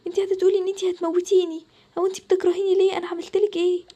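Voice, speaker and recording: A woman's voice: very high-pitched, little pitch movement, rapid-fire, dark tone, pitched above the performer's own voice. A woman with an Egyptian Arabic accent voicing a frightened young schoolgirl who talks in a panicky, pleading way. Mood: upset.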